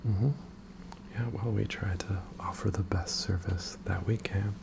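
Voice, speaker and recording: Guy doing whispered role-play as a polite tailor, breathy, really slow, noticeable background noise. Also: lowish voice, fairly even intonation. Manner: attentive, courteous tailor's sales patter.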